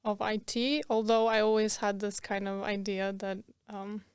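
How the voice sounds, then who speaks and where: Young woman from Croatia, guest; smooth, even delivery, chatty with frequent laughs. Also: medium pitch, moderate pace, no room sound. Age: young adult. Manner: chatty, laughs often, many fillers. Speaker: podcast guest. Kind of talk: casual interview.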